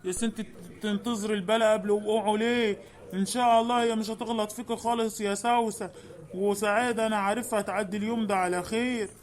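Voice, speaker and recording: A woman's voice: mid-range voice, fairly even intonation, fast, pitched below the performer's own voice, lightly acted. A woman voicing a grown husband who keeps the peace, soothing and reasoning with an Egyptian accent. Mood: coaxing. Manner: soothing, reasoning, calls people darling. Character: husband Hussein, grown man, placating peacemaker.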